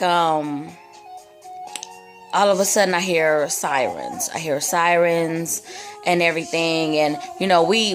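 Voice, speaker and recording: A young woman tells a story from her own life in a loose, rambling way, and she keeps leaning on "like" and "you know." She talks slowly in a fairly low voice. Faint music plays behind her. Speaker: vlogger telling a personal story. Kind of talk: casual storytime retelling.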